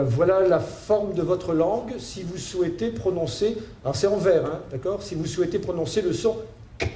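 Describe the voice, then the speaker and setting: Halting male lecturer in a roomy hall. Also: sits high, mellow. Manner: halting, many fillers and restarts. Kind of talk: hesitant spoken lecture. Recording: roomy hall sound with faint ambient noise.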